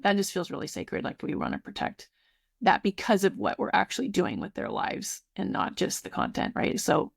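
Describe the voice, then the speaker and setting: A woman's voice: medium pitch, sing-song, moderate pace, vocal fry, slightly rough, no echo, clean studio sound. A woman in her fifties who runs a tutoring program, talking effusively in a casual podcast conversation. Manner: warm, effusive, restarts sentences.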